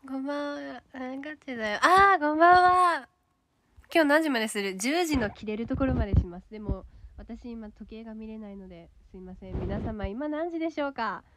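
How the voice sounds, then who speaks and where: A chatty woman with a Kansai accent, her voice sitting a little above the usual for women. She talks in a relaxed livestream style and slips into a soft whisper now and then. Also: on the high side, fairly quick, hardly any pauses, a little hiss or hum. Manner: chatty, reads comments aloud, drops to a soft whisper at times. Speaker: idol livestreamer reading viewer comments. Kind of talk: casual livestream chat.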